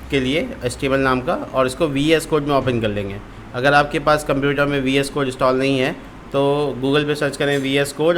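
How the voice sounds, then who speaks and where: A man's voice: medium pitch, a little hiss or hum. A man teaching a screen-recorded programming lesson, explaining step by step with repeated terms and frequent fillers. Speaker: coding tutor.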